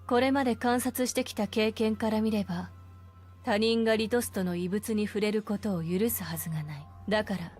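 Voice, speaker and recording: An actress voicing a composed adult woman in a game, speaking in a measured, matter-of-fact way. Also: medium pitch, a little mellow, soft background music, close to an everyday voice. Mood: calm. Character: composed, cold adult female strategist.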